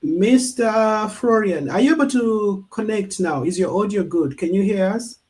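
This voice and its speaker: High-pitched male host, upbeat, introducing guests online. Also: lively intonation, measured pace, darkish tone. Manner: upbeat, repeats short affirmations. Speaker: host, moderator. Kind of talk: hosting a virtual panel. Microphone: video call.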